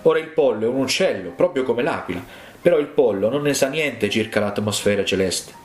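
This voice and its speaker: Male preacher, mid-pitched, emphatic sermon delivery, reverberant hall. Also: animated, brisk. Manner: emphatic, builds to raised high climaxes.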